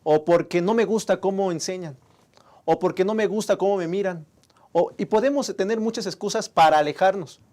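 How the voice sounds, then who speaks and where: A man's voice: sits high, fairly quick, darkish tone. A man with a Mexican Spanish accent, discussing a Sabbath school lesson in an earnest, preacherly way.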